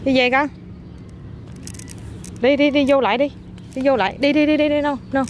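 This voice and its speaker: A woman's voice: sits high, fairly even intonation, moderate pace. A mother, chatting with her toddler outdoors and coaxing them in a playful, repetitive way. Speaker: mother filming her child. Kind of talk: casual chat with a toddler. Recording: faint outdoor noise.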